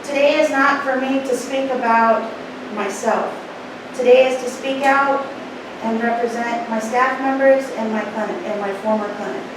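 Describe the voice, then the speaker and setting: A middle-aged woman, formerly a clinic manager, reads a prepared complaint to a board during public comment, speaking in a formal, deliberate, emphatic manner. Her voice sits on the high side with fairly even intonation. A distant room microphone captures her in a noisy, very echoey indoor public meeting room.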